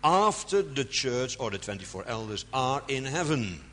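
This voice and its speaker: A man preaching to an audience, stressing key words with sharp rises and sometimes pausing with fillers to find his words. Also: mid-range voice, very animated, slight background noise. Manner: halting, searches for words with fillers. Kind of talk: sermon. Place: large hall before an audience. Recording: long hall reverb.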